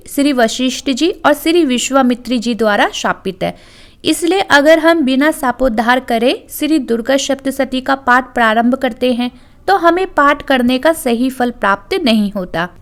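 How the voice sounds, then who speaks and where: A woman presenting a devotional channel, calmly explaining a ritual step by step in scripted narration. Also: high-pitched, normal speed.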